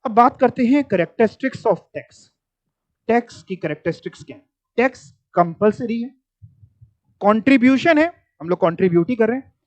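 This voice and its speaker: A man's voice: sits high, animated, normal speed, dry recording. A male teacher giving a classroom lecture in a conversational way, mixing in English terms and teasing his students. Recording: dull, dry lecture audio.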